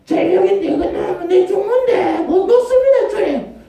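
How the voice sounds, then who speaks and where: A preacher doing a frantic begging man, high and shrill. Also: lively intonation, moderate pace, warm tone. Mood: frantic pleading. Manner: high, strained, laughing pleas. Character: desperate man begging God, frantic and wheedling. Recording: echoey church hall, mic far off.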